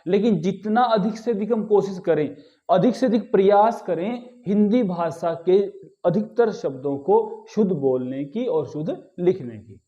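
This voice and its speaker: A man's voice: high voice, measured pace, warm tone, dull audio. A man teaching a grammar lesson, patiently repeating key words and asking the class rhetorical questions. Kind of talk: explanatory lesson.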